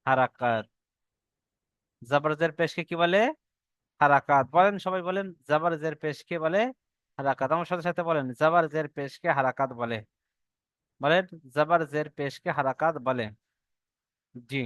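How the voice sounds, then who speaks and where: Clear-voiced Bengali male teacher. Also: a little high, moderate pace, pauses often, a bit bright, no room sound. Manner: patient, drills with call-and-repeat. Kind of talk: online Quran reading class.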